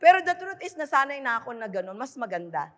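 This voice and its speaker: A woman's voice: a little high, big pitch swings, fast talker. A middle-aged woman pastor from the Philippines gives a conversational conference sermon, mixing in English and often checking in with the crowd. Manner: conversational, switching between Tagalog and English, often asking "di ba?". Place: large conference hall. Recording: long hall reverb from a conference venue.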